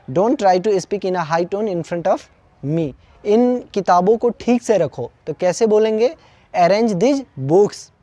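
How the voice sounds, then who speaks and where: An Indian man with an Indian accent teaching English phrases, mixing Hindi and English and saying each English example slowly and deliberately. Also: high voice, darkish tone, dry recording. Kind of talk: spoken English lesson.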